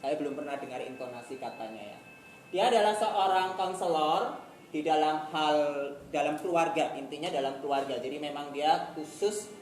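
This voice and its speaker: A woman's voice: low-pitched, moderate pace, a little mellow. Chatty woman teacher in an echoey room. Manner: chatty, acts out little scenes with peers. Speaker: youth teacher. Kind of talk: casual classroom teaching. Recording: echoey room with faint noise.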